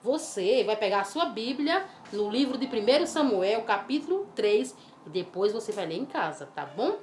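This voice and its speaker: Woman storyteller, animated and coaxing, fairly high voice, roomy echo, faint music bed. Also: normal speed, slight background noise. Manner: animated, coaxing, asks the child questions. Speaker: children's Bible storyteller. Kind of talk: storytelling for children.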